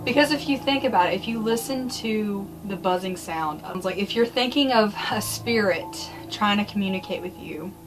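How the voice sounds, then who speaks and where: A woman's voice: medium pitch, moderate pace, few pauses, rough recording. A woman talking casually to viewers as a vlogger, telling spooky personal stories in a chatty, conversational way. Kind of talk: casual storytelling about eerie happenings. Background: music.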